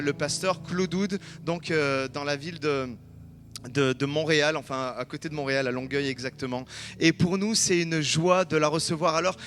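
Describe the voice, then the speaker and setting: A man, the church's pastor, introduces a guest speaker and pauses often on fillers. His voice sits somewhat high for a man. Soft instrumental music plays behind him. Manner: hesitant, many fillers.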